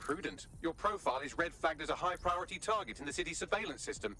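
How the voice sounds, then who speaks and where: A man's voice: a little high, expressive, very slow, pushed and bright, exaggerated voice. An actor playing a dry, witty male AI assistant in a video game. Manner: dry, sardonic and precise.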